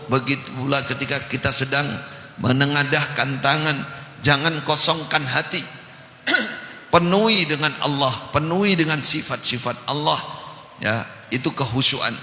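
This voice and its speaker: A man's voice: mid-range voice, sharp tone. A man preaching a sermon in a mosque, earnest, with rising emphatic phrases. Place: mosque hall. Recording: echoey mosque hall.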